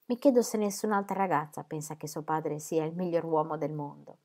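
A woman voicing a sharp-witted, affectionate young woman who teases and speaks warmly, in an audiobook reading. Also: low voice, a little fast, a little hiss or hum. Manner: teasing, affectionate.

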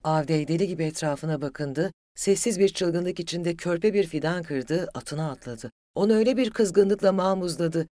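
An audiobook narrator telling a literary story in an even, steady voice. The pitch sits in the middle range. The recording is close and dry, with no room sound. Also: moderate pace, few pauses, dry recording.

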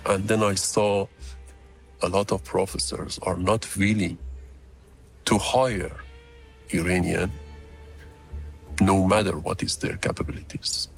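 A man whose voice has been shifted down to hide who he is. The disguise leaves him very low, with a gravelly, creaky edge. He talks earnestly and haltingly, as an interviewed researcher. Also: fairly even intonation, soft background music. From Iran. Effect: voice disguised by a deep pitch shift. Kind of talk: interview clip.

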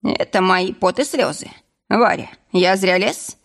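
A woman's voice: fairly low pitch, a little slow, creaky. A woman doing a tipsy clumsy young man. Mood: rueful. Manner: rueful, complaining.

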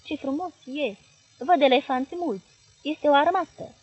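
A woman reading the part of a young girl in a hypnotic trance, describing visions, in a husky voice. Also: high-pitched, animated, a little mellow, dull audio. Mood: entranced. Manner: dreamy, then alarmed as she describes visions.

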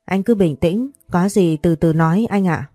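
A woman voicing a scheming sister who coaxes and persuades in a soft, even way. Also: lowish voice, normal speed, no room sound, close to an everyday voice.

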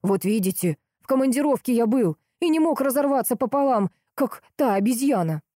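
A woman's voice: fairly high pitch, lively intonation, fairly quick, warm tone, no echo, clean studio sound, voice pushed up. Female narrator doing a defensive, snapping man under suspicion. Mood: indignant. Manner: snappish and indignant.

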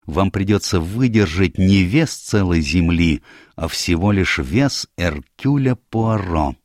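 A man's voice: low voice, expressive, takes it slowly, darkish tone, no room sound, studio quality. A man voicing a commanding, self-assured older detective in a read-aloud story, precise in manner. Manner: authoritative, precise.

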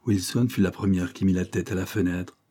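A man reading a novel aloud as an audiobook narrator, in a measured, even way. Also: sits low, breathy edge. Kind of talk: scripted narration.

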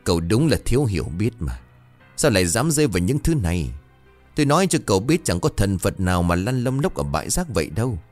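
A man's voice: on the low side, sing-song, fast, a little mellow, soft background music. A man voicing a stern, commanding middle-aged male exorcist.

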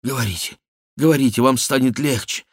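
A man's voice: medium pitch, a little fast, dry recording, clean studio sound, voice pushed up, lightly acted. A man reading the part of a young noblewoman who earnestly implores and comforts an old baron. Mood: urging. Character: young noblewoman, gentle and pleading.

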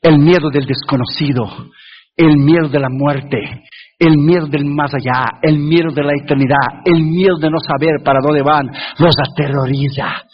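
A man's voice: a little high, fairly even intonation, moderate pace, husky, highs cut off. A man preaching an evangelistic sermon as a pastor, telling a dramatic story and hammering his points home by repeating them, slipping between Spanish and English. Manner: emphatic, repetitive preaching.

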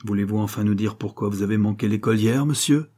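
A man voicing a stern father who fires off sharp, demanding questions. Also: on the low side, quick pace, slightly rough. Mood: icy. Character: stern angry father, middle-aged man.

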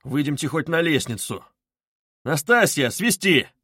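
A man's voice: fairly high pitch, very animated, measured pace, a bit bright, breathy edge, no room sound, full character voice. Man playing a tipsy blustering young man, raised voice, dry close sound. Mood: urgent. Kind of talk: audiobook character reading.

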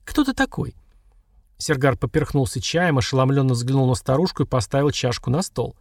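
A man narrating a fantasy novel in a steady storytelling voice. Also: medium pitch, fairly quick, no room sound, clean studio sound. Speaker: audiobook narrator. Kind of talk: scripted narration.

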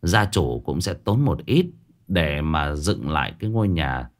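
A man narrating a ghost story in a lively, colloquial way. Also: very deep voice, measured pace.

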